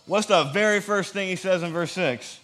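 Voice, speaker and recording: A man preaching a casual, lively sermon in a church, joking with the congregation. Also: high voice, moderate pace. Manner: animated, joking asides to the audience.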